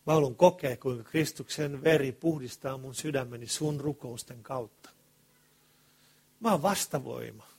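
A man preaching a sermon in colloquial speech, swinging between loud passionate bursts and hushed asides, with rhetorical questions to the congregation. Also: mid-range voice, vocal fry, slightly rough.

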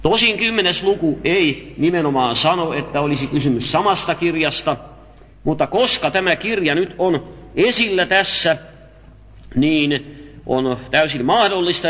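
A man teaching a sermon, reading scripture aloud and explaining it in a measured way. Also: a little high, lively intonation, a bit bright. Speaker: preacher. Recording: dull lo-fi audio with long hall reverb.

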